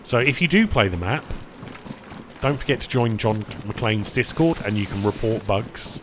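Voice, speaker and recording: A man's voice: lowish voice, animated, normal speed, background noise. A man chatting casually to his viewers while streaming a game, rambling between topics and eating as he talks. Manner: rambling, chatty, addresses chat as "boys"; talks while eating, mouth full at times. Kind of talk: casual live-stream chat.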